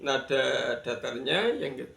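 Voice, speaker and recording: A man's voice: medium pitch, slow pace, gravelly, a bit bright. A man from Indonesia teaching Quran reading rules, patiently spelling out letters and counting learners in. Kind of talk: tajwid lesson with recitation. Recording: echoey room.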